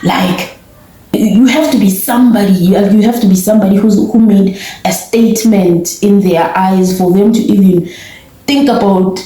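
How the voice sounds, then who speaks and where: A woman's voice: mid-range voice, steady tone, normal speed, warm tone. A young South African woman with a South African accent, talking earnestly and gratefully to her viewers in a casual vlog. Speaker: vlogger. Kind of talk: casual vlog talk to camera. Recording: roomy echo.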